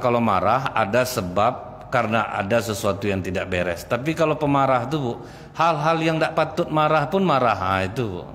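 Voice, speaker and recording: A man's voice: mid-range voice, a bit bright, slight background noise. A man giving a pre-tarawih mosque sermon, telling stories in a folksy way and acting out quarrels in a raised voice. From Indonesia. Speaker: preacher. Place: mosque hall. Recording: echoey mosque hall with faint ambience.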